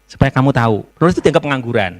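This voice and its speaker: A man gives a university lecture to students in a lively storytelling way, slipping into phrases. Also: medium pitch, very fast. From Indonesia. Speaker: novelist giving a guest lecture. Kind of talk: public lecture.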